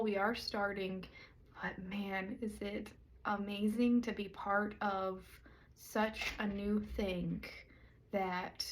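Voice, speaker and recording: A woman from the southern United States, a church co-founder and pastor's wife, talking slowly and earnestly in a self-recorded video. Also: medium pitch. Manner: slow, reflective, earnest and inviting. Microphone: self-recorded camera or phone.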